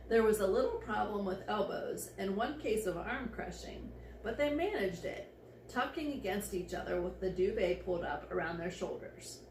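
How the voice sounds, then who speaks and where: A woman's voice: mid-range voice, lively intonation, moderate pace, a little mellow. A tipsy, slightly drunk woman reading a story aloud as an amateur, effusive and giggly, stumbling over her words and adding gushing asides. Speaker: fan fiction reader. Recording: echoey room with faint background noise.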